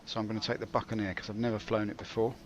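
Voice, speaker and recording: A man's voice: on the low side, level tone, very fast, lo-fi sound, crowd noise. A man hosting a gaming video with rambling, self-mocking, dryly comic commentary. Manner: dry, self-mocking, digressive.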